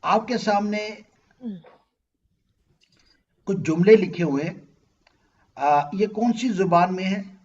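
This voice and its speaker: Male teacher, patient and questioning, fairly high voice, slightly dull call audio. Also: slow, pauses often, darkish tone. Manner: patient, asks students questions and checks understanding. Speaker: Arabic grammar teacher. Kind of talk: online interactive class.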